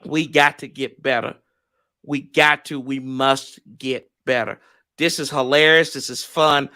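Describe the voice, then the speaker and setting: A man hosting a football fan reaction livestream, talking in loud, mocking banter. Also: mid-range voice, steady tone, measured pace. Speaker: host of a football reaction stream. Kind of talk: casual fan play-by-play reaction.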